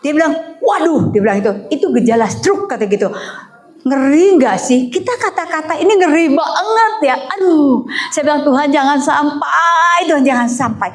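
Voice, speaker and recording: High-voiced woman pastor telling her story. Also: normal speed. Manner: animated storytelling, acts out voices, expressive pitch swings. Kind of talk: sermon with personal testimony.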